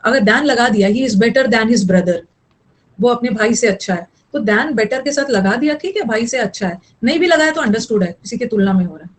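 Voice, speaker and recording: A woman's voice: a little high, animated, fairly quick, rough recording. A young woman teaching an online English grammar class, mixing explanation with chatty scolding asides to her students.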